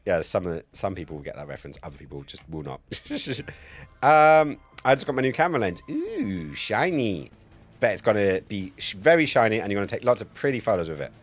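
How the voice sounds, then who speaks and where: This man's voice sits on the low side, swings hugely in pitch and runs a little fast. He's in his forties, live-streaming a game from an indoor home setup, and his commentary and chat are jokey, rambling and full of swearing, picked up by a close streaming mic on a boom arm.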